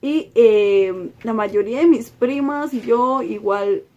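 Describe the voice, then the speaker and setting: Girl in her 20s doing a storytime vlog, kinda high voice, emotional, keeps repeating stuff. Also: takes it slowly, warm tone, highs cut off. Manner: emotional, repetitive retelling. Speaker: vlogger. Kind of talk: personal storytime.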